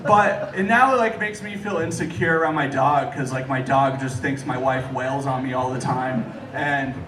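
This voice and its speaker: A man's voice: mid-range voice, moderate pace. A man doing a stand-up comedy set in a casual storytelling manner with hesitant asides, talking to a live audience. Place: echoey room with a live audience. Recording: roomy distant live recording, clear noise. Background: audience laughter and room noise.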